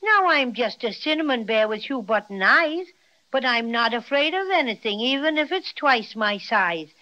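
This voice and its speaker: Brief: plucky toy bear, high and bright, folksy bragging, old radio-play sound. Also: female voice, expressive, moderate pace. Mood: boastful. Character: small brave boastful male stuffed cinnamon bear. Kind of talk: 1930s radio drama acting. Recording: lo-fi 1930s radio transcription.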